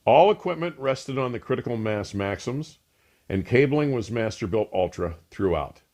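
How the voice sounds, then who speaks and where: In a mid-range, slightly mellow voice, the audio gear reviewer and host reads his scripted product review at normal speed. He sounds expressive, emphatic, polished and enthusiastic.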